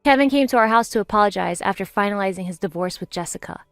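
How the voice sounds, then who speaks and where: An older woman narrating a story in a quiet, matter-of-fact way. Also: mid-range voice, fast talker, no echo, clean studio sound, soft background music, close to an everyday voice.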